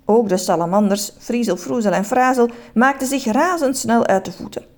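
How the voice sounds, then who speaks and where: A woman reading a children's story aloud in an expressive, animated way. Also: on the high side, normal speed.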